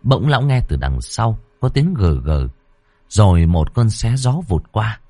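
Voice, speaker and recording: Give me a male horror storyteller with a lively delivery and dry, close sound. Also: on the low side, measured pace, dry recording, soft background music. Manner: expressive, dramatic pacing. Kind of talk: scripted horror narration.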